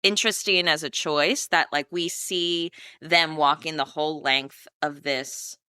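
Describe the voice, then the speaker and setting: A woman co-hosts a casual podcast, recapping a film with lots of energy. Her voice sits a little low but rings bright and forceful. She keeps slipping into quick voices for the characters as she retells scenes. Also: clean tone. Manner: animated, acts out characters' lines in quick voices. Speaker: podcast co-host.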